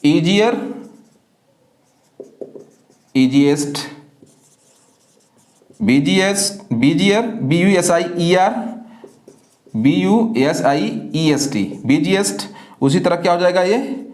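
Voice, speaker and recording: A man gives an English grammar lesson, posing questions and answering them himself while often spelling words out letter by letter. His high voice has a darkish tone, he speaks slowly and deliberately with repeated filler phrases, and the sound is reverberant.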